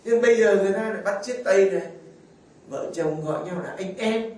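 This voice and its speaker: Older male priest, high voice, folksy homily, heard from a distance in a very echoey church. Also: fast talker, a little mellow. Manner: folksy storytelling, fond asides and chuckles. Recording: very echoey hall, mic far off, faint noise.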